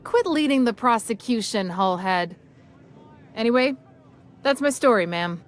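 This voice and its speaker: A woman's voice: a little high, lively intonation, a little slow, slight background noise. An actress playing a scrappy, tough female salvage freelancer in a game, blunt and sarcastic. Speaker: game character.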